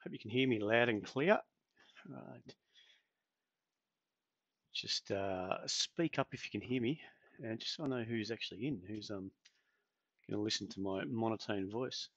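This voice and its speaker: An Australian man hosts a casual live stream, rambling with fillers and joking at his own expense. His voice sits a little low. The audio is dry and dull, like a computer mic. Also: measured pace, long pauses, fairly bright tone, no room sound. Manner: chatty, self-deprecating, many fillers. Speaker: trading live-stream host.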